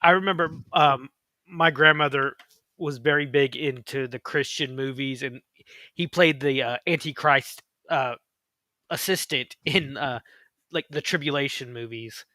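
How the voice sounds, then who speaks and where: A man with a bright, forward voice talking in a casual online chat show. He is animated and quick to exclaim, and the sound is close and dry. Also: medium pitch, no echo. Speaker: co-host.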